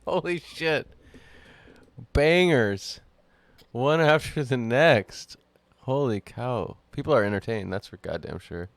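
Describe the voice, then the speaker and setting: A man's voice: mid-range voice, expressive, takes it slowly, vocal fry, dry recording. A man hosting a casual livestream podcast, laughing often and egging his guest on. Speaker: podcast host.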